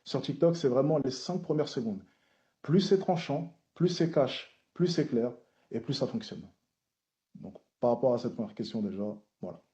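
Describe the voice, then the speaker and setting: A man who makes social media content, giving measured, formal answers at a hearing and repeating key phrases for emphasis. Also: medium pitch, warm tone.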